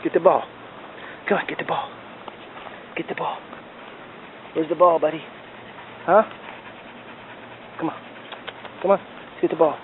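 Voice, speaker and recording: A man's voice: fairly high pitch, steady tone, unhurried, long pauses. A man in his back yard talking playfully to his dog while filming it on a handheld camera. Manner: playful, coaxing baby talk to a dog. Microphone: handheld video camera. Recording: tinny lo-fi camera audio, faint outdoor noise.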